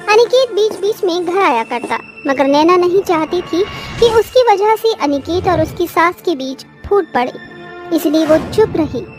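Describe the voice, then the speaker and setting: Brief: woman narrator for a cartoon story, very high voice, faint music under. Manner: storytelling, dramatic. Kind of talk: scripted narration.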